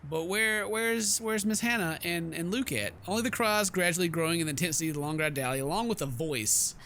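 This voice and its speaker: A man streams a game, reading narration aloud and dropping playful, casual asides in a high, bright, forceful voice at a brisk pace. Game music plays behind him, and there's a slight hiss or hum.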